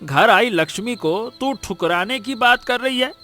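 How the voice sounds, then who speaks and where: A man's voice: extremely high pitch, expressive, unhurried, bright, forceful tone, soft background music, full character voice. A man playing a greedy, blustering village schemer. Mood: dismissive. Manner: blustering, stammers when caught out. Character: greedy boastful male villager, cowardly underneath. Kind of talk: cartoon voice acting.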